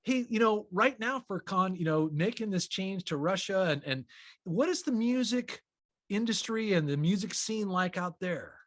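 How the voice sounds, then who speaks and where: A man's voice: high-pitched, lively intonation, normal speed, no room sound, clean studio sound. A man hosting an online interview, upbeat and chummy with his guest. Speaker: interview host.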